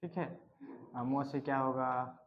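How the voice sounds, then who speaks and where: A man's voice: medium pitch, steady tone, a little slow. A male teacher giving a general knowledge lesson, quizzing students and repeating the answers to drill them in. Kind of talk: classroom lesson with memory tricks. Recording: dull lo-fi recording.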